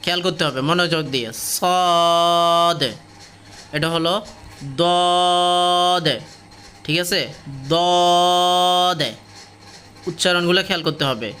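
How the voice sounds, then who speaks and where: A man with a Bangladeshi Bengali accent teaching the Arabic alphabet, stretching each letter name slowly and repeating it. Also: on the high side, bright, forceful tone, faint music behind. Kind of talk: slow teaching with drawn-out demonstrations.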